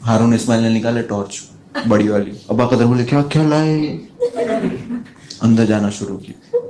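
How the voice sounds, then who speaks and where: A man doing standup, telling a long comic story and putting on high voices for the people in it. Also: brisk, slight background noise. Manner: animated, jumps into high voices for friends in the story. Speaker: standup comedian.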